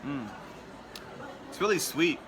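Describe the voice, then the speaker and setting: Holding a camera as he vlogs, a man chats casually, joking and laughing frequently. He speaks slowly in a fairly high-pitched voice with lively intonation. The setting shifts between outdoors and a busy burger restaurant, with a noisy crowd audible around him.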